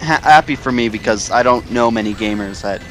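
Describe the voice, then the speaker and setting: A man, heard over a voice-call headset, chatting about games in a halting way that keeps stopping and restarting. His voice sits at an everyday middle pitch, with a faint bed of game music behind him. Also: a bit bright. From Canada. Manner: halting, talks in stops and starts. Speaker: co-commentator. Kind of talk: casual gaming chat.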